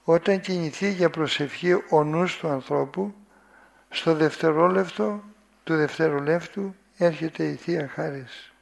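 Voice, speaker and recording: A man preaches, his voice a touch high and gravelly. He reads a spiritual text aloud and comments on it at an unhurried pace. He often turns to his listeners with rhetorical questions.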